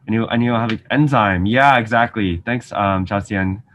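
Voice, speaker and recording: Teaching a casual online science lesson as part of science outreach, a young male graduate student from Singapore speaks at a moderate pace in a lower, slightly bright voice. A faint hiss comes through the webcam call from his indoor lab office with shelves. He's chatty and friendly, ums a lot and asks the students questions.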